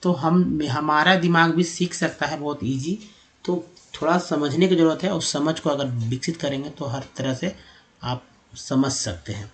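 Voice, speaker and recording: A man from India explains an English lesson over slides. His voice sits a little high for a man. He talks patiently, repeating each sound slowly and filling pauses as he goes. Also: a bit bright, slight background noise. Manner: patient, repeats words slowly, many fillers. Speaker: English teacher.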